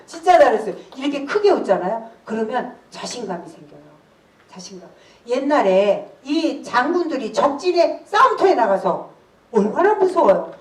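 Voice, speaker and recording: A woman in her sixties giving a laughter therapy lecture, animated, breaking into loud laughs and shouts as she leads the group. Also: fairly high pitch, moderate pace. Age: 60s. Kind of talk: workshop lecture with call-and-response. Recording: roomy hall, voice from a distance.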